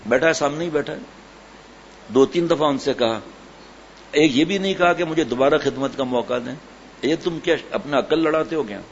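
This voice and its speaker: A man giving a sermon as a religious teacher, telling everyday stories and asking rhetorical questions. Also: mid-range voice. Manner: storytelling, folksy, rhetorical questions. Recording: slightly dull recording with faint noise.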